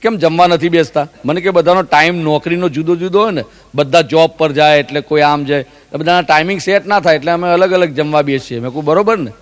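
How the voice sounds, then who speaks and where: A man's voice: high voice, a bit bright, smooth. A man from Gujarat telling stand-up jokes, acting out the characters in his stories with mimicked voices. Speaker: comedian.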